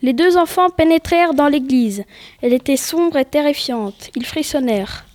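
High-voiced woman reading a story. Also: normal speed, a little mellow. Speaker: narrator.

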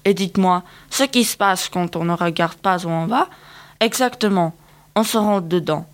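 A woman narrating a children's picture-book audiobook in a lively, engaging way, speaking directly to young listeners. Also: on the low side, moderate pace.

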